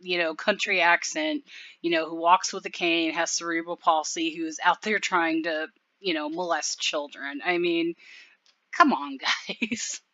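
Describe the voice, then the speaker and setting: A woman's voice: fairly low pitch, fairly even intonation, measured pace, bright, forceful tone, no echo, lo-fi sound. A woman talking casually in a video commentary, rambling with many fillers.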